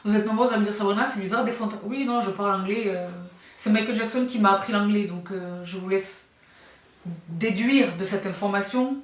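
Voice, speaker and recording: A woman's voice: medium pitch, fairly quick, echoey room, distant mic. A woman beauty vlogger chatting casually and effusively while reviewing skincare products, laughing often.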